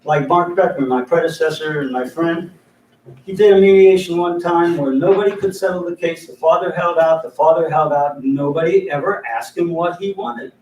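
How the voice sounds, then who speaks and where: Chatty older-sounding trainer in echoey room. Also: male voice, a little high, moderate pace, a little mellow, slight background noise. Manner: chatty, anecdotal, chuckles between points. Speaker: mediation trainer. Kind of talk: informal training lecture. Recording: echoey room, mic far off.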